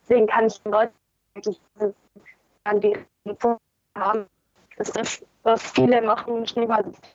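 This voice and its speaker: A woman's voice: on the high side, level tone, moderate pace, long pauses, a little mellow, no echo. A woman guest chatting casually in an interview, heard over an internet call that keeps breaking up. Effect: heard over an internet call line. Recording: dull dry internet call audio.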